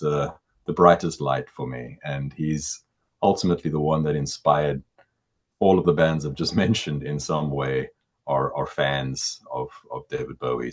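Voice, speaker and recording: A baritone-voiced, middle-aged musician answers interview questions casually and haltingly. He often repeats words while he thinks.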